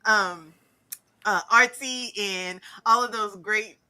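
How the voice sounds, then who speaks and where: A woman's voice: mid-range voice, slow, sharp tone. A woman co-hosting a casual VR show, chatting in a laid-back way with slang. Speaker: podcast co-host.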